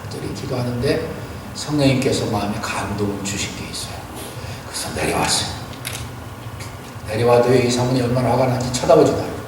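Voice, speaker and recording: A man's voice: medium pitch, fairly quick, long pauses, very echoey, in a large hall, background noise. A male pastor giving a Sunday sermon in a church sanctuary. He exhorts earnestly, tells stories, and asks rhetorical questions, picked up by a distant room mic.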